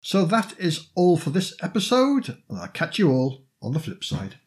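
A man hosting a podcast, chatting casually through a roundup of tabletop game projects, often trailing off lower at the ends of phrases. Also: wildly swooping pitch, moderate pace. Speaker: podcast host.

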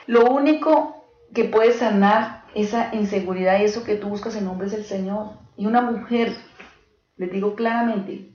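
A woman's voice: medium pitch, a little mellow. Earnest woman teaching in an echoey room. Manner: earnest, direct, tells stories from pastoral cases; keeps checking in with the audience. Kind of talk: teaching talk to a live group. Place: room with a small live group. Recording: echoey room, dull lo-fi, faint hiss.

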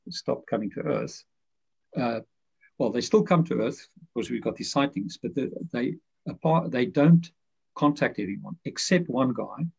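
A man's voice: medium pitch, creaky, darkish tone, husky. A man, a guest author, explaining his ideas in a rambling way full of fillers and restarts. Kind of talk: conversational explanation. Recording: muffled lo-fi audio.

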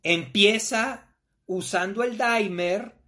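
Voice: medium pitch, slow, bright, forceful tone. Mexican podcast host, slangy and emphatic. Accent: Mexican Spanish. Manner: slangy, emphatic, acts out little quoted scenes. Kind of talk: casual podcast talk.

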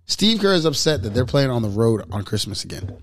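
A man's voice: mid-range voice, brisk, slight background noise. A young man, co-hosting a podcast, talking sports in casual chat with swearing and acted-out quotes. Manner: animated, profane, acts out quotes in raised voice. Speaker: podcast co-host.

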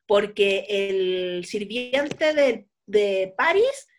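A woman's voice: mid-range voice, expressive, extremely slow. Giggly woman retelling a story. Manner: laughing often, acts out quotes in a raised voice. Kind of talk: casual chat retelling a story.

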